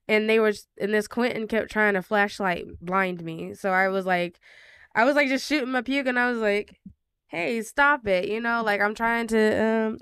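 A woman's voice: medium pitch, clear, resonant tone, dry recording. A young woman retelling a game match in casual, chatty commentary, full of fillers and sarcastic asides. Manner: chatty storytelling with many fillers. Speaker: gaming vlogger.

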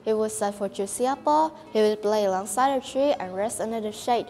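A woman narrating a fairy tale in a steady, careful reading. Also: medium pitch, fairly quick, in a large hall. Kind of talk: storytelling narration.

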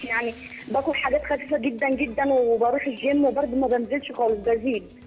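A woman's voice: a little high, fairly even intonation, fast, darkish tone. A woman of nineteen with an Egyptian Arabic accent, calling in to a TV show, hesitant and worried about her weight. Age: teens. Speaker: phone-in caller. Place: home, TV audible behind. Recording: on-air phone line.

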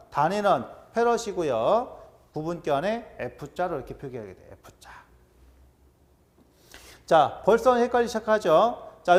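A middle-aged man teaching an exam-prep lecture, drilling terms and quizzing his students with quick questions. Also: sits high. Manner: animated, drills terms with "자" and quiz-style questions. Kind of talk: classroom lecture.

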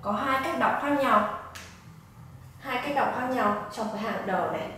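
Woman teacher going slow over syllables, voice a bit far off in an echoey room. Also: on the high side, pushed and bright, slight background noise. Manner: slow, careful demonstration of syllables. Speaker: Japanese teacher. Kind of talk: pronunciation lesson.

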